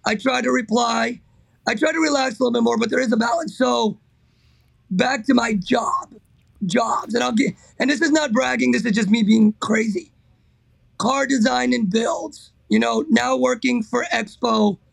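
A middle-aged man with a hoarse, raspy, strained voice, talking casually and emphatically as an interview guest. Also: extremely high pitch, normal speed, no room sound. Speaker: interview guest, car builder.

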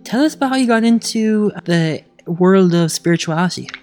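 A man hosting a podcast, introducing his guest and asking short, calm questions. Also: high-pitched, moderate pace, faint music behind. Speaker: podcast host. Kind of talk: interview hosting.

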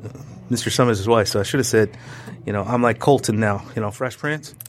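A man's voice: on the low side, fairly quick, slight background noise. A man as an interview guest, telling stories in a loose, joking way, full of restarts and playful sound effects. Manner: animated, joking, rambling with restarts. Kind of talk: casual storytelling conversation.

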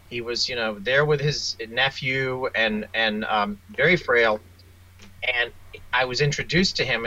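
A writer appears as an interview guest, telling wry, self-deprecating anecdotes in a casual, animated way. His voice is mid-range and the sound is lo-fi.

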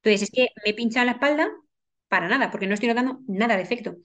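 A woman's voice: a little high, rapid-fire, a bit bright. A woman telling a personal story as a podcast guest, earnest, with many restarts and repetitions.

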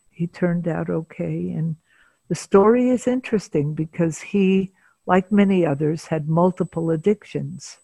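An older woman, a psychotherapist, telling a patient's story in an interview, measured and pausing often to gather her thoughts. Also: deep voice, dark tone, breathy edge, no echo. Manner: measured, pauses often with filler sounds. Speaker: psychotherapist guest.

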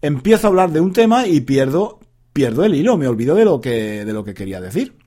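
A man's voice: fairly high pitch, very animated, brisk, mellow. A man teaching Spanish in a casual, rambling monologue. He speaks straight to his listeners, drifts off topic and laughs at himself when he loses his thread. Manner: addresses listeners directly.

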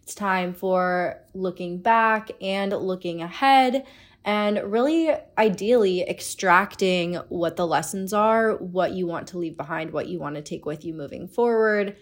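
A woman's voice: fairly low pitch, a little slow. A woman in her late twenties, sounding congested from a cold, hosts a solo podcast in a casual, chatty, informal way. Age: late 20s. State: sick, congested stuffy-nosed sound. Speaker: podcast host.

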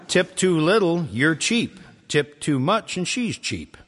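In a reverberant church hall, a man hosts his show live and tells a story to the audience, wry and playful, as part of a casual intro. His voice is high-pitched and a bit bright.

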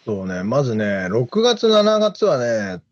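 A man's voice: medium pitch, very animated, takes it slowly. A man co-hosting a podcast in casual, joking banter, loose and slangy. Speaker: podcast co-host. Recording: dull lo-fi sound.

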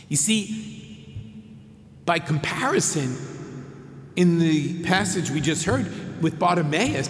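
A man preaching a sermon in a measured, gentle way, slowing for emphasis. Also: medium pitch. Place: church. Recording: echoey hall with long reverb.

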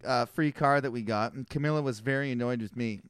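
A man's voice: mid-range voice, fairly quick, clear, resonant tone, no echo, studio quality. A young man co-hosting a casual podcast, telling rambling stories and complaining for laughs. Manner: complaining storyteller, deadpan gripes. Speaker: podcast co-host.

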